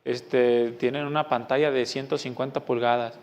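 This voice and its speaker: A pastor putting on a whiny churchgoer making excuses. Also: male voice, mid-range voice, steady tone, muffled recording, pitched below the performer's own voice, lightly acted. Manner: whining, quick and quieter.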